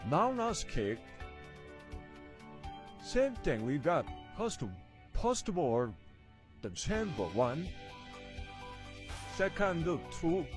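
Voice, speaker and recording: A man's voice: fairly high pitch, big pitch swings, very slow, long pauses, over music. A man instructing taekwondo, giving short, clipped commands and counts for kicking drills.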